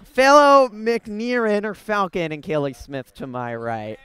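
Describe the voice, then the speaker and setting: Bright high-voiced male game-night broadcaster. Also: unhurried, smooth, dry recording. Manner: chatty, upbeat, banters with guests on set. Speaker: student sports broadcaster. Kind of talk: live sports broadcast commentary. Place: broadcast set at an outdoor school stadium. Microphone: handheld broadcast mic.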